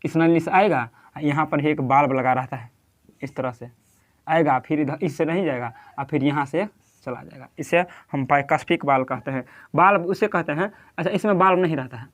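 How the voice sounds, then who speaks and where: A man's voice: a little high, moderate pace. A man with a Bihari accent teaching a lecture, who keeps asking the class questions and repeating key terms. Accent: Bihari Hindi. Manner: quizzing, repeats key terms, drawing at a board.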